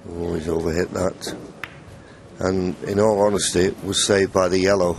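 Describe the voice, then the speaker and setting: Hushed, creaky male snooker commentator over arena noise. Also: low-pitched, level tone, moderate pace. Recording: crowd and loud arena noise behind. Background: snooker arena crowd ambience.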